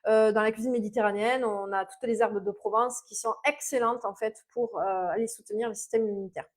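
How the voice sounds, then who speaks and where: A woman's voice: a little high, steady tone, fairly quick. A woman with a Mediterranean French accent giving casual health and diet advice as a naturopath, talking freely with many fillers and restarts and checking in with "ok?". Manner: chatty, many fillers and restarts, stresses points with "ok?". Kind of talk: informal health advice video.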